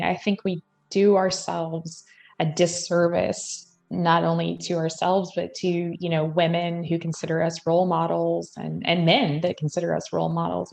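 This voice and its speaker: Gravelly low woman guest. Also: a little mellow. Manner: reflective, frequent affirming backchannels. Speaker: podcast guest. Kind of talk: casual conversational interview.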